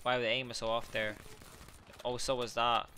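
Bright-voiced young man commentating gameplay. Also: medium pitch, normal speed, slight background noise. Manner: rambling, excitable, swears at opponents. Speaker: gaming channel host.

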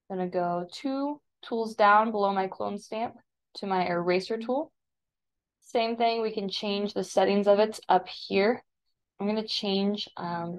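In a screen-recording voice-over, a woman teaching a software tutorial talks casually through each step, her voice sitting in the mid range.

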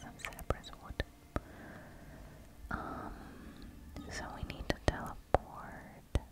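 A woman whispers softly and very close to the mic as she narrates her own gameplay in ASMR style. She takes her time, with long, unhurried phrasing. The voice is breathy and gentle, as if murmuring to herself. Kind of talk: whispered ASMR game commentary. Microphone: close-up microphone.

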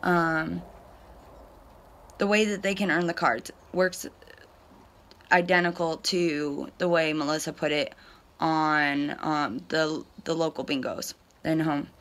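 A woman's voice: low voice, steady tone, slow, long pauses, fairly bright tone. A woman in her thirties giving a casual, matter-of-fact tutorial to camera, recorded on a phone on a covered porch. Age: 30s. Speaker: direct sales consultant giving a tutorial. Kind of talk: casual explanatory talk to camera. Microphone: phone at arm's length or propped close. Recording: faint outdoor background noise.

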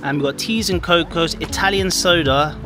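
A vlogger in his forties narrates a travel vlog on a handheld camera at outdoor cafe grounds, speaking at normal speed in a fairly high voice with music in the background. He rambles casually, tossing in self-deprecating asides.

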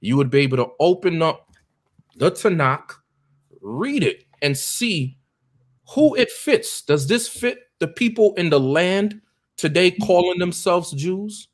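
A man's voice: high voice, sing-song, unhurried. An American man, a deacon, preaching earnestly and directly to guests at a meeting, with many ums and uhs. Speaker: deacon leading a Bible study.

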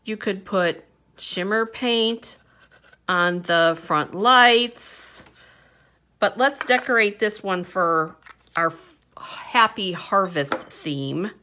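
Teaching papercraft at her indoor desk, a woman chats through every step with fillers and small hums. She speaks very slowly in a medium-pitched, expressive, bright and forceful voice, with a little hiss or hum in the recording.

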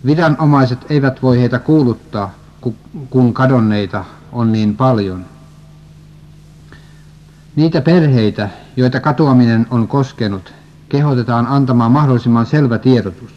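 Guy reading a religious story out loud, middle pitch, steady pace, dull muffled recording. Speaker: reader.

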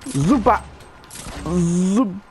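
Excitable sweary man gaming, swooping pitch. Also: drawn-out words, slight background noise. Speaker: gamer playing a team shooter with friends. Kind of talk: casual banter during gameplay.

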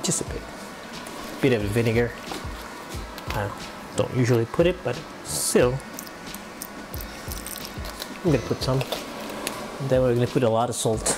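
Cooking at home, this young man from the Philippines talks to the camera in a mid-range, unhurried voice, pausing often and joking along the way. The vlog has a Filipino accent, music underneath, and poor audio.

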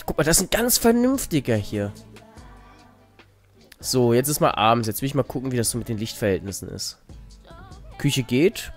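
A man giving casual, wry commentary while playing a life-simulation game, muttering to the characters on screen. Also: medium pitch. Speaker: let's play host.

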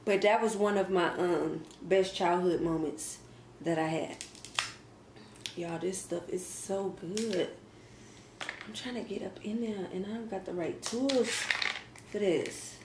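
A mukbang vlogger in her thirties chats casually while eating at home, answering questions between bites and laughing often. Her mid-range voice moves slowly with frequent pauses. A fixed camera across the table captures it in an echoey kitchen with faint ambient noise.

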